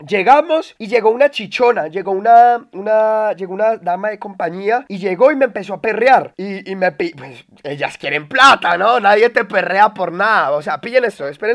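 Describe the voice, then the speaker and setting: A young Colombian man streaming, telling stories in an animated, swearing, laugh-filled way. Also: high voice. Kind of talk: casual storytelling chat.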